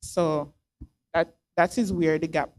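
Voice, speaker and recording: A woman's voice: sits low, fairly even intonation, takes it slowly, darkish tone. A woman explaining things on a discussion panel, speaking into a handheld microphone. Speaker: health forum panellist. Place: forum hall, on stage.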